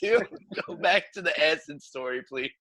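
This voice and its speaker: A man's voice: medium pitch, expressive, normal speed, sharp tone, breathy edge, no room sound, low-quality recording. A man hosting a podcast, joking and teasing his guest in casual, crude banter. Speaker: podcast host. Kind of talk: casual chat.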